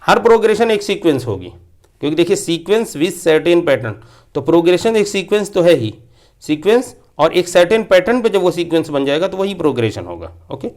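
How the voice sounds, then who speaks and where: A man with a slightly raised pitch gives a classroom maths lecture. He explains step by step, circles back to repeat key points, and slips English terms into his explanation. The voice sits close to the mic. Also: very animated, fast talker, a little mellow. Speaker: maths teacher.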